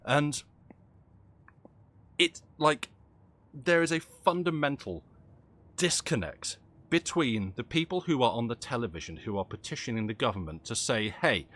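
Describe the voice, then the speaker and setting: A man's voice: mid-range voice, big pitch swings, unhurried, long pauses, fairly bright tone. Ranting Cockney man streaming a game. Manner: impassioned ranting, frequent restarts. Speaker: gaming streamer. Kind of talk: casual live-stream chat.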